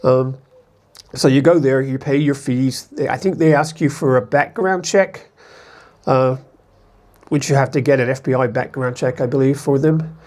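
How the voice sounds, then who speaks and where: He's an American man vlogging as an expat, talking casually to camera at a moderate pace. The voice is medium-pitched and slightly mellow, and his chatter rambles with frequent self-corrections.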